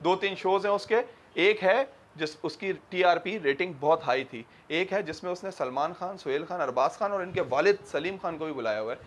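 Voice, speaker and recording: A man with a Pakistani accent teaching English grammar in a classroom, quizzing students and switching between Urdu and English. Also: high-pitched. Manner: slows and stretches English example sentences.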